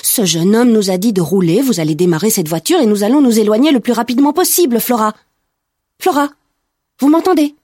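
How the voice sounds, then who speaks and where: Storybook: woman doing a commanding old lady, brisk, mellow and breathy. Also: a little high, no echo, studio quality, pitched above the performer's own voice. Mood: urgent.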